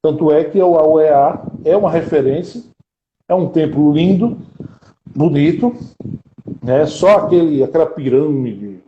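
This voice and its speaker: A man's voice: a little high, a little slow, roomy sound, highs cut off, a little hiss or hum. A man, hosting a live-streamed interview and asking earnest rhetorical questions. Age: 40s. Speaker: interviewer and podcast host.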